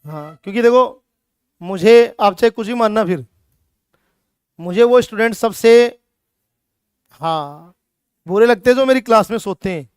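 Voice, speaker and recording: This is a man lecturing a chemistry class with plenty of drive. His voice sits very high and rings smooth and resonant. He keeps teasing the students with rhetorical questions, and the recording is close and dry. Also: a little slow, pauses often, dry recording. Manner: energetic, scolding students playfully with rhetorical questions. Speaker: chemistry teacher.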